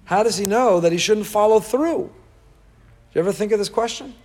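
A man's voice: high-pitched, fairly quick, darkish tone. A man giving a rabbi's sermon to a class, emphatic, repeating key phrases and posing rhetorical questions. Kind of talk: sermon, Torah lecture to a live group.

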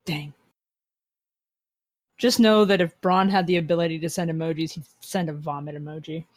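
Woman player, sarcastic quips, lowish voice, dry close sound. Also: fairly even intonation, moderate pace, no room sound. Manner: sarcastic, wry. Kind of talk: casual chat at a game table.

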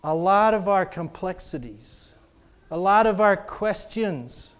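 A man preaching a sermon to a congregation in church, leading call-and-response with emphatic, drawn-out repetition. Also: high voice, animated. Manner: call-and-response, has the congregation repeat after him. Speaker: pastor.

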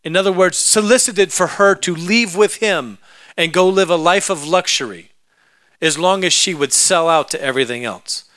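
A man's voice: high-pitched, moderate pace, a bit bright, no room sound. A man preaching a sermon, telling a personal story in a conversational way that builds into emphatic preaching.

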